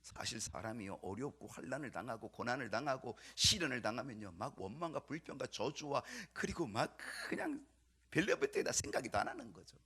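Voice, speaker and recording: A male pastor preaching a sermon, emphatic, with repeated rhetorical questions to the congregation and sometimes dropping to a hushed whisper. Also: medium pitch, sing-song, fairly quick, breathy edge. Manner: drops to a hushed whisper at times.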